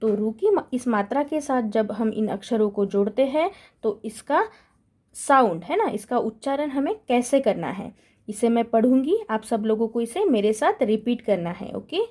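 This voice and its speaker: A young woman with an Indian accent, teaching a slow recorded Hindi lesson to young children with patient drawn-out syllable drills. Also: fairly high pitch, expressive, dark tone. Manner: patient, drawn-out syllable drills, frequent "ठीक है?" check-ins. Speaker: primary school Hindi teacher.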